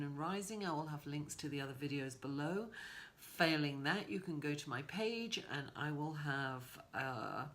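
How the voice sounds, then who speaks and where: A woman doing a casual tarot reading in a rambling, informal way, her voice raspy and hoarse from a cold. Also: deep voice, a bit bright, a little hiss or hum. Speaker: tarot reader giving a weekly horoscope reading.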